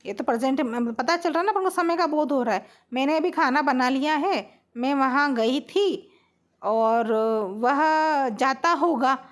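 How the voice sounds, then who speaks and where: A woman with a high voice gives a blackboard grammar lesson. She explains each rule patiently and repeats her example sentences. She keeps checking that her students are following. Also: unhurried. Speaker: Hindi grammar teacher.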